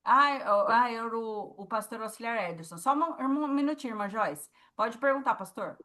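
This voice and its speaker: A woman's voice: a little high, normal speed, bright, forceful tone. A woman with a Brazilian Portuguese accent teaching a sign language class, explaining patiently and checking in with her students often.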